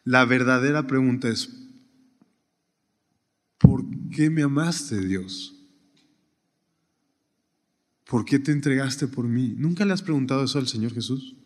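A man preaching a sermon, swinging from raised emphatic lines to quiet, hushed ones. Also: normal speed. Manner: animated preaching, rising high then dropping to a near hush. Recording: long hall reverb.

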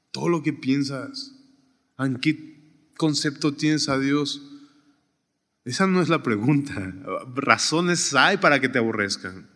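Man preaching in a reverberant hall. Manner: animated preaching, rising high then dropping to a near hush. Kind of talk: sermon.

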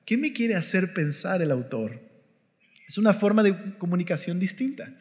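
A man's voice: sits high, sing-song, moderate pace, a little mellow. A man giving a conversational devotional Bible teaching, often checking in with his listeners. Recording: long hall reverb.

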